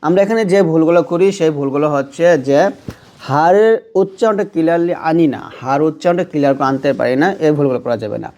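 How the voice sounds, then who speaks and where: A man with a Bangladeshi Bengali accent teaching Quran recitation rules step by step. He explains each rule, then chants the verse slowly and drawn out. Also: on the high side, dark tone.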